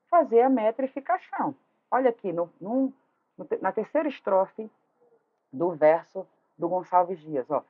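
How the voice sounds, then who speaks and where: Lively, husky-voiced woman teaching. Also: medium pitch. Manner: explains step by step, frequent tag questions and restarts. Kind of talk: online literature lesson. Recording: tinny phone-like audio.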